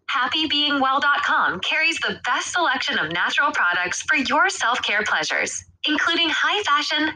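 A woman's voice: high voice, pushed and bright, low-quality recording. A woman reading a scripted podcast sponsor advertisement in an upbeat, promotional manner. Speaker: sponsor announcer.

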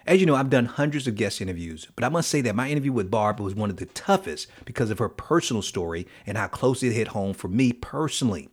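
A man's voice: lowish voice, animated, quick pace, hardly any pauses, husky. A man hosting a podcast in an upbeat, scripted style with emphatic, motivational delivery. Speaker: podcast host.

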